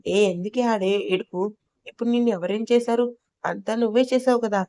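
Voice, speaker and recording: A woman's voice: a little high, fairly quick, mellow, dry recording, close to an everyday voice. A woman voicing a young husband in an audio love story, teasing his wife with playful scolding. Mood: mock threatening.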